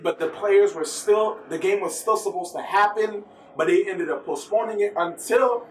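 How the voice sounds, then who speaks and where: A slightly high-voiced man chats his way through the weekend's football news, rambling and correcting himself as he goes. He sits a little back from the mic, and the room adds a clear echo. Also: distant mic, slight background noise. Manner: chatty, rambling, self-correcting. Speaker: football vlogger. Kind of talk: casual football news vlog. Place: filmed at home in the US.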